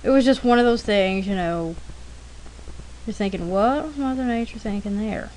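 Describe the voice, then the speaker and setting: Talking through her drawing demo, an artist chats casually and rambles, poking fun at herself and thinking out loud. She speaks at a medium pitch and moderate pace over a steady background noise, and the recording is rough.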